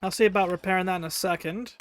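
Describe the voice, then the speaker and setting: A man's voice: high voice, fairly even intonation, racing, fairly bright tone. A man casually commenting on his own gameplay during a live stream, chatty and wry, taunting enemies as he plays. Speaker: game streamer.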